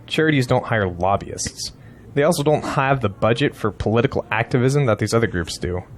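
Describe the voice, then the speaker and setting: Speaking a little fast with lively intonation, a mid-pitched man acts as a campaign strategist in an audio drama, close to his everyday voice. Blunt and insistent, he lectures his client and pushes his argument in a pressing, blunt mood.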